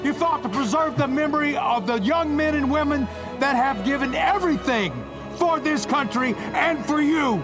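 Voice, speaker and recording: An actor playing a fervent, grieving father giving an earnest, emphatic patriotic film speech with deliberate pauses. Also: very high-pitched. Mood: impassioned, rousing. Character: fervent grieving father rallying a crowd as freedom fighter. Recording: film audio under loud music. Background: loud swelling music.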